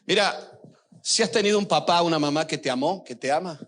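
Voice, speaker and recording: An older pastor preaches with emotion, sharing personal stories and addressing the congregation directly. His voice is fairly high and a bit bright, and he talks fairly quickly.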